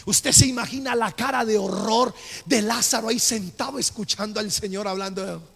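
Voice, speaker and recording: A middle-aged Colombian pastor preaching a sermon, animated and acting out scenes, in an echoing church hall. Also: male voice, high voice, moderate pace, vocal fry, slightly rough.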